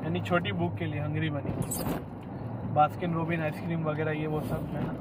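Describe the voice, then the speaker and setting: Male food vlogger, 30s, upbeat chatter, fairly high voice, phone mic over noisy street and car sound. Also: little pitch movement, brisk. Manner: chatty, enthusiastic, peppered with religious blessings. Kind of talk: casual food vlog. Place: restaurant cabin, then inside a car at night. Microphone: handheld phone camera.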